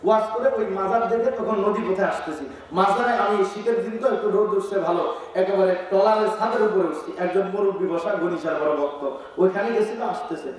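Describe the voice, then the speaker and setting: A high-voiced man with a Bangladeshi Bengali accent preaches at an outdoor gathering, half chanting and half shouting. His voice carries with heavy echo, as if through loudspeakers heard from a distance. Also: quick pace. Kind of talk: sermon. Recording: echoing loudspeaker sound from far off.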